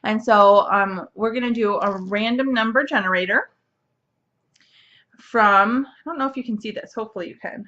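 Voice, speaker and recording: A woman's voice: on the high side, moderate pace, sharp tone, lo-fi sound. A young woman hosting a casual knitting podcast, chatty and bubbly, with lots of fillers and restarts. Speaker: podcast host. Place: home, seated at a computer.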